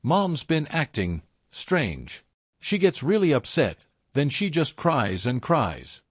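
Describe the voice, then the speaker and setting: A man voicing an upset, scared teenage girl who speaks quietly and haltingly in a story reading. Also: on the high side, big pitch swings, slightly rough, dry recording, studio quality, full character voice. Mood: shaky.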